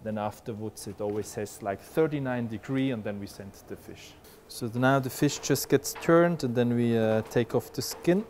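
Cooking in a large restaurant kitchen, a head chef in his 40s explains his dish in a relaxed way, dropping many "uh" fillers. He speaks at medium pitch and normal speed with few pauses, recorded on a lapel mic with a light hum in the background.

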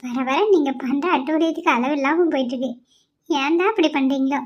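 A woman voicing a young, polite and sensible village wife in a cartoon, speaking in a gentle, pleading way. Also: sits high, brisk, dull audio, natural voice. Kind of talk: cartoon voice acting.

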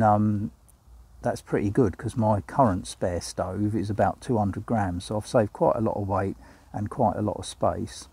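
Out in a woodland, an older man chats casually about his camping gear on a walk-and-talk vlog, sprinkling in lots of ums and uhs. His voice is fairly low, mellow and husky, with no echo.

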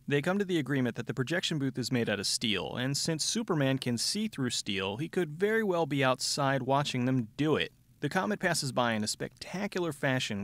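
A man's voice: medium pitch, fairly bright tone, no room sound. Sardonic man narrating in a dry studio. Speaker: film review show host. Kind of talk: scripted comedic movie recap narration. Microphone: close studio voice-over mic.

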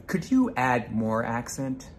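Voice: mid-range voice, sing-song, slow, slight background noise. Pushy, oblivious casting director. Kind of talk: comedy sketch dialogue.

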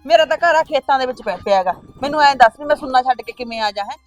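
A middle-aged woman playing a patient older sister and farm-living mother who keeps calming her sibling down. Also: high voice, very fast, faint music behind, lightly acted. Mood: placating. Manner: soothing, placating, often asks back "huh?". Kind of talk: village family drama acting.

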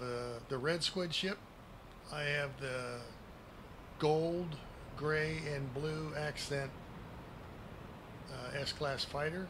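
Slow-talking grandpa-like older man, noisy recording. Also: fairly high pitch. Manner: grandpa-like, folksy, plain-spoken. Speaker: gaming video creator giving a base tour. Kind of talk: casual unscripted game tour commentary. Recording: clearly noisy home recording.

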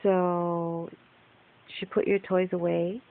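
Woman grilling a kid on a phone video, low gravelly voice, tinny and hissy. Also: little pitch movement, takes it slowly. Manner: firm, patient, repeatedly questioning. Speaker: relative questioning a child on video. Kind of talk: home video chat. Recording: tinny lo-fi phone recording with hiss.

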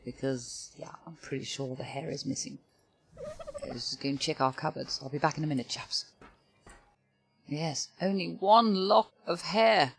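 A woman's voice: low-pitched, moderate pace, creaky, background noise. An older woman chatting casually to the creatures in her game as she plays and comments, with frequent exclamations and sighs. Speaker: gaming video host. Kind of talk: casual let's-play commentary. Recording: game music playing behind.

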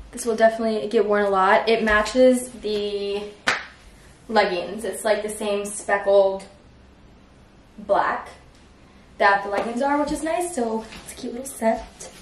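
A young woman in her twenties vlogging casually in an upbeat, chatty way, often saying "like" and "so cute". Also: a little high. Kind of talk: casual vlog narration. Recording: handheld phone vlog with steady background noise.

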